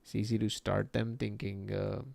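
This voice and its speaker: Gravelly low-voiced man chatting on stream. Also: normal speed, dry recording. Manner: relaxed, rambling, reacts to viewer chat; laughs often, swears casually. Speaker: livestream host and 3D artist. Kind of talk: casual livestream chat.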